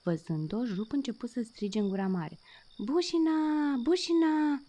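A woman reading a bedtime story aloud in a soft, gentle way. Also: mid-range voice.

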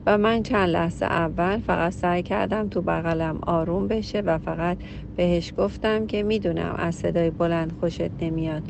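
A woman's voice: fairly low pitch, steady tone, creaky, background noise. A woman counselor who reads out a listener's letter and answers it with direct, emphatic advice. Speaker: family counselor.

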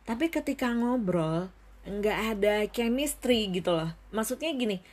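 A young woman talking casually to her viewers in a reflective vlog, often dropping English phrases into her speech and pausing to think. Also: mid-range voice, expressive, a little mellow. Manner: thoughtful, pauses with many fillers. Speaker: vlogger.

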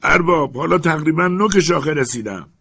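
A man voicing an old male servant who is timid but stubborn, speaking in a high, strained, pleading way. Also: lively intonation, gravelly, pushed and bright, husky, heavily acted. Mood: nervous, pleading.

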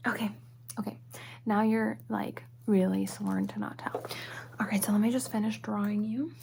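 A young woman whispering softly and slowly in a personal-attention ASMR roleplay, close to the microphone. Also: medium pitch, level tone, gravelly, background noise. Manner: soft whispering, slow and close. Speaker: ASMR creator. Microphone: close sensitive mic.

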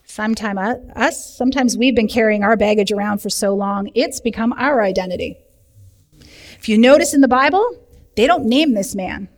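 A woman leading a recovery group, teaching in a lively way and speaking directly to the room with humor. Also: a little high, normal speed. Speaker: recovery program leader. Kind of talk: sermon teaching. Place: church meeting room. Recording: long hall reverb.

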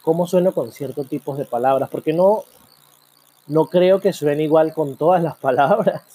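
Male host, reflective monologue, slightly raised pitch, mellow dark tone, many rhetorical questions. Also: breathy edge. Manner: musing, full of rhetorical questions, slow drawn-out pauses. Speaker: program host.

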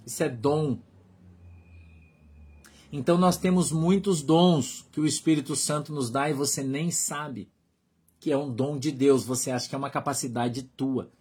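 Husky Brazilian pastor preaching. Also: male voice, medium pitch, steady tone, moderate pace, darkish tone. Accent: Brazilian Portuguese. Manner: conversational preaching, keeps asking the flock "understood?". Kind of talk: sermon.

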